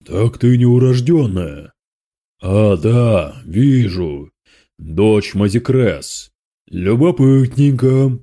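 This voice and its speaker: A man's voice: medium pitch, lively intonation, very slow, mellow. A man reading aloud, voicing a spiteful male demon lord who hisses and gloats with scorn. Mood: menacing.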